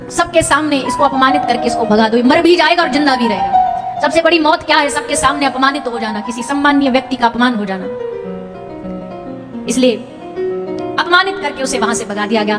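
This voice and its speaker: A woman narrating a devotional sermon, telling the story dramatically and singing Sanskrit verses. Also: high voice. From India. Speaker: katha storyteller. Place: large hall at a live religious event. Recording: long hall reverb with music.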